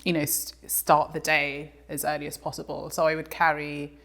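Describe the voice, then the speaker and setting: Low-voiced woman, reflective. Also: monotone, normal speed, vocal fry, a bit bright. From England. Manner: reflective, many fillers and restarts. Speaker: composer, guest. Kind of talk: casual interview conversation.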